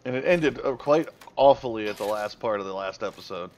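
Playful gamer man with a lively voice. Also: on the low side, brisk, a little hiss or hum. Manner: playful, joking, yells at the game. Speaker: let's play host. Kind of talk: casual multiplayer gameplay chat.

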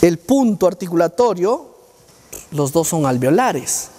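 A man's voice: high voice, sing-song, unhurried, mellow, a little hiss or hum. Male lecturer, quizzing and demonstrating sounds, reverberant hall. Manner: quizzes the audience and demonstrates speech sounds aloud. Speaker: speech therapist giving a university lecture. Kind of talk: lecture to students.

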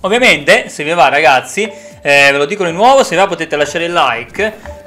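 A man giving live commentary over his racing game as a streamer, swinging from low mutters to frustrated yells. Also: moderate pace, soft background music. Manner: excitable, swings from mutters to yelling. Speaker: gaming streamer.

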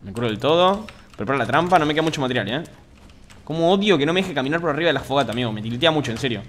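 A young Argentine man chats through a live game stream at his desk mic, reading viewer messages and bursting into loud excited shouts. Faint room noise and keyboard typing sit behind his voice. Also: a little high, very fast. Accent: Argentine Spanish. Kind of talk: casual gaming stream commentary.

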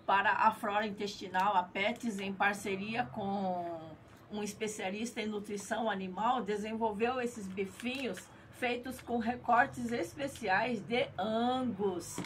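A middle-aged Brazilian woman hosting a pet product review vlog in a playful, cutesy manner, sprinkling in Japanese catchphrases. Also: mid-range voice. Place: small tiled outdoor patio or yard. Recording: clear background noise, outdoor ambience.

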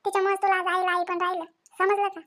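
A woman voicing a sharp village mother-in-law who scolds and keeps demanding answers. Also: very high-pitched, level tone, fast talker. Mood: scolding.

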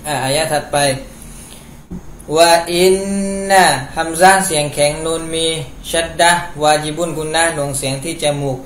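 A man teaching Quran recitation at home speaks at a moderate pace in a fairly even, higher-pitched voice. He patiently explains pronunciation rules after reciting each phrase in this step-by-step lesson, recorded in an echoey room with faint noise.

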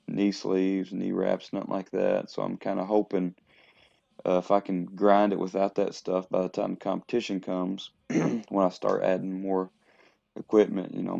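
A very deep, flat-voiced man talks to the camera between heavy lifting sets, halting and filling his pauses as he explains his training. His voice has a gravelly, dark edge, and the gym audio sounds dull and lo-fi. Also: dry recording. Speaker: fitness vlogger.

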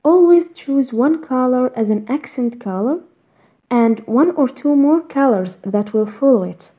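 A woman reading a scripted voice-over in a measured, even list-reading way, narrating step-by-step tips. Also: sits high, husky. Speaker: narrator of a garden design slideshow.

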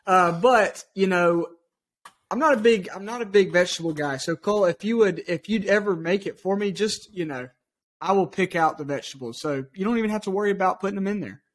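Guy on a podcast cracking jokes and ribbing his buddies, pretty high voice. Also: fairly quick. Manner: joking, teasing. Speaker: podcast co-host. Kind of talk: casual chat.

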